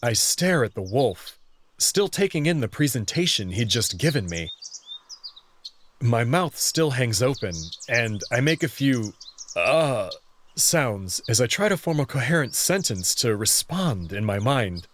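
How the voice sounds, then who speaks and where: A man with a mid-range voice, very animated yet at a measured pace, plays a bewildered young human narrating his own story in a visual novel, speaking hesitantly over background noise. The clip mixes first-person narration and dialogue, and the mood is narrative and bewildered.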